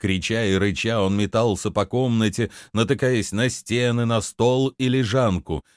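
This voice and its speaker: A man narrating an adventure audiobook in an expressive, dramatic way. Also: fairly low pitch, moderate pace, no room sound, clean studio sound.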